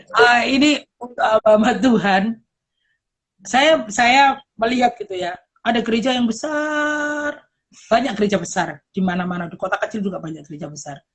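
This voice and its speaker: A middle-aged woman, a pastor and teacher, chatting casually and lively, acting out parents and children in quick voices and laughing often. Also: fairly high pitch, husky. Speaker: guest speaker, pastor and teacher. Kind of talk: casual chat.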